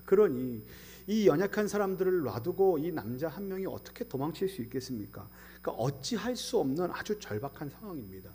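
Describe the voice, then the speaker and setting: Male pastor, middle-aged, impassioned sermon delivery; rhetorical questions, loud emphatic quotes, soft asides, very lively intonation. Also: a little high, breathy edge.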